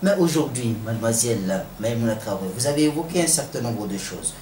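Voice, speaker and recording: A man asking interview questions in a formal, measured and wordy manner. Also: mid-range voice, animated, darkish tone. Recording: echoey room with faint background noise.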